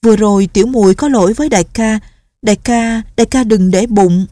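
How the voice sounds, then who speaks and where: A timid young nun girl, tearful and anxious, stammering out her pleas in a raised, soft voice, as a woman reads her part. The sound is dry and close. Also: medium pitch, a little fast, no echo, pitched above the performer's own voice, lightly acted. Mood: anxious pleading.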